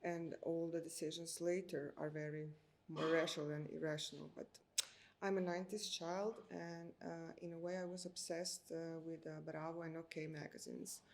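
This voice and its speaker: A woman in her thirties from Croatia with a Croatian accent, answering interview questions slowly and hesitantly, with many filler sounds as she searches for words. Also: low voice, flat delivery, slight background noise. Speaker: architect.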